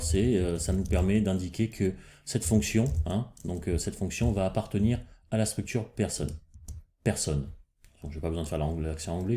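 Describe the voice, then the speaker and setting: A man's voice: low voice, warm tone, a little hiss or hum. A man hosting a casual coding lesson, thinking aloud as he works, with frequent fillers and restarts. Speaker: programming tutorial host.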